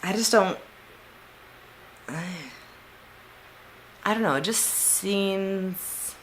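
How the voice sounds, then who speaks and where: A woman's voice: medium pitch, drawn-out words, slight background noise. A young woman with a nasal voice, chatting casually in a vlog as she reviews a subscription beauty box, giving frank opinions with fillers. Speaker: beauty vlogger.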